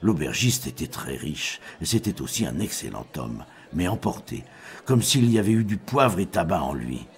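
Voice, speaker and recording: Homme au ton très grave qui lit un conte. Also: male voice, low-pitched, normal speed. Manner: expressive, animated voice changes. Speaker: storyteller. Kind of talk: fairy tale reading.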